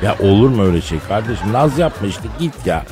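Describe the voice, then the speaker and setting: A man's voice: on the low side, very animated, fast, darkish tone, faint music behind. A man hosting a comic radio show, teasing his partner with a mock-serious tale in a studio. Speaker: radio comedy host.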